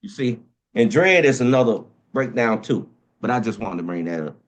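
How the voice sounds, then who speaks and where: A man's voice: medium pitch, animated, moderate pace. A man leading a Bible study discussion, explaining verses emphatically and repeating his points, then telling the others to read on.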